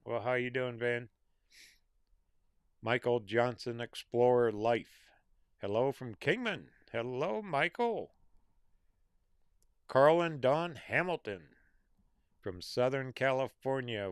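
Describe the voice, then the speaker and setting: A man's voice: mid-range voice, slow, long pauses, smooth, dry recording, studio quality. A man hosting a live stream, reading out viewer names and comments in a casual chat and answering their questions, his voice a bit worn. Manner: reads out viewer names and comments with small laughs. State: losing his voice.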